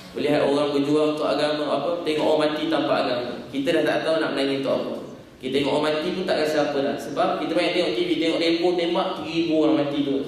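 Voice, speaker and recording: A male preacher giving an earnest, emotional sermon full of stories and rhetorical questions. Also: fairly high pitch. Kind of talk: religious sermon. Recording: echoey hall, distant mic, faint ambience.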